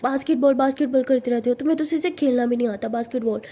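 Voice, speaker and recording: A woman's voice: high voice, dark tone. Woman voicing Sana, a bossy teasing college girl. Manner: bossy, teasing, talks down fast. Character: teasing college girl, blunt loyal best friend.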